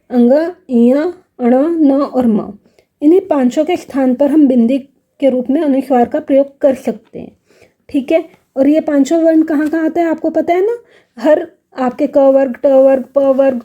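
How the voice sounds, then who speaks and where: A woman's voice: sits high, mellow. A woman teaching a grammar lesson, spelling words out sound by sound and asking questions she then answers herself. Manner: asks the class questions and answers them herself.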